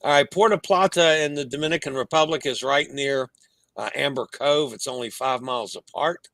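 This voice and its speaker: A man's voice: medium pitch, moderate pace, a bit bright, dry recording. A man chatting casually as a guest who shares his travel experience. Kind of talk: casual chat.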